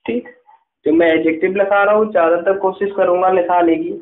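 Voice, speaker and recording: A man with a high-pitched voice teaches a grammar class and dictates notes slowly and patiently. He keeps checking in with his students. The sound is echoey and tinny, as if from a phone in a bare room. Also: fairly even intonation. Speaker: English teacher.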